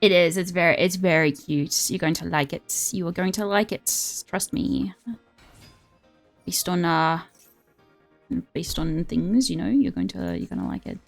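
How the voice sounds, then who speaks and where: A young woman streaming a card game, chatting casually and excitably, swearing freely and sliding into a valley girl voice. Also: lowish voice, unhurried, creaky. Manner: excitable and profane, drifts into a put-on valley girl voice. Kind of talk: casual live-stream gaming chat. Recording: faint music behind.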